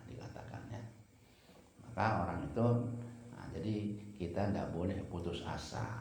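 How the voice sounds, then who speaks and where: A man preaching a sermon, telling stories and swinging from loud emphasis to soft asides. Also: sits low, slight background noise. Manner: storytelling with dramatic swings in volume. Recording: heavy echo from a reverberant room.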